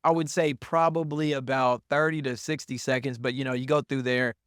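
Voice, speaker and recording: A man's voice: medium pitch, a little fast, smooth, no echo, clean studio sound. A young man with a slight lisp, a guest telling stories in a casual interview and acting out other people's lines in a raised voice. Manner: animated storyteller, acts out others in a raised voice. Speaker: podcast guest, entrepreneur.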